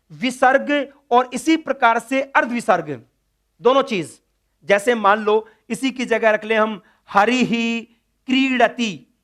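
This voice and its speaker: A man's voice: very high voice, fairly bright tone. A man teaching Sanskrit grammar in a classroom lecture, repeating key words and putting questions to the class that he then answers himself. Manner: asks students questions and answers them himself.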